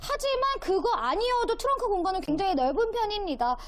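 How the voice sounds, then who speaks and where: A woman car dealer gives an informal sales walkaround, explaining features point by point in a talkative pitch. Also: sing-song, a little fast. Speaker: used car dealer presenting a car.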